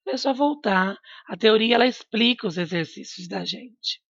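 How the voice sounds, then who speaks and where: A woman's voice: medium pitch, animated, normal speed, husky, dry recording, highs cut off. A woman teacher giving a recorded lesson to young pupils, patient and coaxing, asking them questions and repeating her prompts. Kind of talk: recorded remote class lesson.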